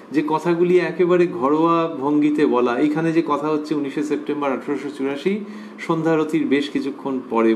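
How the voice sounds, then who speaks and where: A man lecturing on scripture in a measured, reflective devotional talk, repeating key phrases and pausing with drawn-out fillers. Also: medium pitch, darkish tone, a little hiss or hum.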